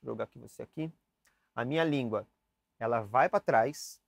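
This casual instructional lesson has a young man with a gravelly, mid-range voice teaching saxophone basics at a moderate pace. He chats, demonstrates, and addresses the viewer directly, heard through camera mics as the cameras switch, in a dry recording.

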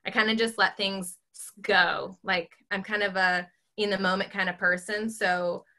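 Her voice is high and squeaky as she chats at normal speed on a casual video call, this woman in her thirties who sells real estate. She's indoors in a small bedroom at home on a laptop webcam, talking with her hands and saying um a lot.

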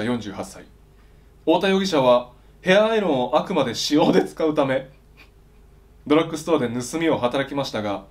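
A young man reading scripted news as a newscaster, in a formal, polite and measured delivery. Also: mid-range voice. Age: young adult. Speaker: newscaster in a parody news show.

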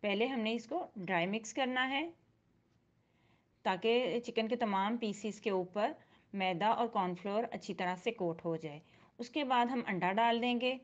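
A woman hosting a cooking channel, talking calmly through a recipe step by step in a voice-over. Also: mid-range voice, dull audio. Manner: calm step-by-step instruction. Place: voice-over, not recorded in the pictured kitchen.

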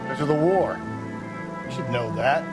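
A man's voice: medium pitch, animated, moderate pace, natural voice. Man as a surly veteran American homicide cop. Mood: jaded, surly. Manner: curt, dismissive. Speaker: homicide detective. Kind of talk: scripted video game dialogue. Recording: loud music underneath.

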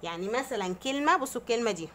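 A woman's voice: a little high, lively intonation, very fast, a bit bright, slight background noise. A woman with an Egyptian Arabic accent teaching a grammar lesson to young children, patiently explaining and answering her own questions, drawing out vowels to demonstrate long sounds. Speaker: primary school teacher.

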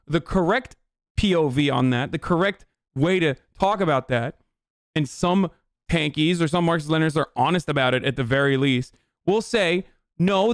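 This is a political streamer from Turkey, a man in his thirties, blasting out blunt, foul-mouthed commentary on a heated livestream. He records from a room at home on a boom-arm studio mic, and there's no echo.

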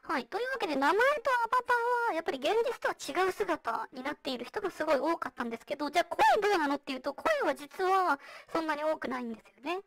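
High, fast, voice-changed feminine presenter. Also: lively intonation, creaky, fairly bright tone, recorded from a distance, low-quality recording. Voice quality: high, girlish, electronically processed. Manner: explanatory, conversational. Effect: voice changer, processed into a high feminine voice. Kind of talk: presenting survey results with slides. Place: online virtual-reality venue.

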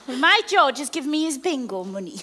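Very high, excitable club wife played by a woman. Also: brisk, a little hiss or hum, heavily acted. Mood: chatty, flustered. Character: gullible, excitable working-class club wife. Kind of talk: broad stage comedy acting. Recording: live theatre stage performance.

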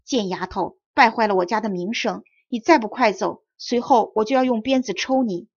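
A woman's voice: fairly high pitch, normal speed. A woman reading a furious old uncle. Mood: scolding. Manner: scolding. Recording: dull lo-fi recording.

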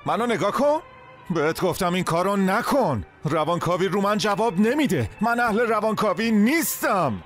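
TV drama dub: a proud, quick-tempered husband, high and very lively, faint music under him. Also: male voice. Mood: agitated. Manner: shouting, pleading, insistent. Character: hot-tempered proud husband, adult man. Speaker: husband in a marital quarrel. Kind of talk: Persian dub of a Turkish TV drama.

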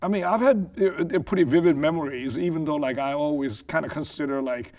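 A man's voice: fairly high pitch, a little fast, darkish tone. A man in his forties from South Korea, a business owner recalling his life as a guest in an interview, talking thoughtfully with lots of "you know" and "like". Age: 40s. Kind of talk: casual interview. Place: living room set.

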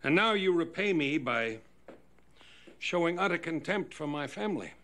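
An actor playing a stern, disappointed old patriarch, measured and reproachful, in a period film drama. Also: male voice, a little high, lively intonation, fairly bright tone. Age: older. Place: indoor room.

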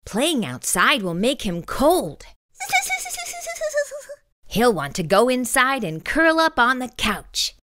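A middle-aged woman reading aloud to young children in an expressive storytime voice, as a children's host. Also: a little high, takes it slowly, pauses often, no room sound, clean studio sound.

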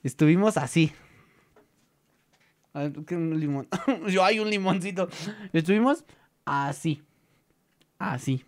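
A man's voice: on the high side, measured pace, pauses often. A young man with a Mexican accent, hosting a casual chat and telling stories in a joking, slangy way. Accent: Mexican Spanish. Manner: slangy, joking, animated storytelling. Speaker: vlog host.

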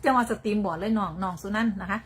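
A woman's voice: medium pitch, racing. An older woman with a Northeastern Thai Isan accent chats through a casual phone livestream. She rambles, circles back and repeats her words, breaking into laughter. A faint background hum sits under her voice. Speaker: livestream host.

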